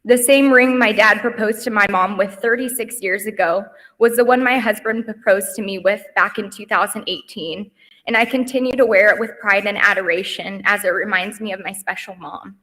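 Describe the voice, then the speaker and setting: A woman's voice: mid-range voice, normal speed. A young woman reading a heartfelt eulogy at a memorial service, earnest and tender. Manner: earnest and heartfelt, softening on lists. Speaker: eulogy speaker. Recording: livestream in a reverberant hall.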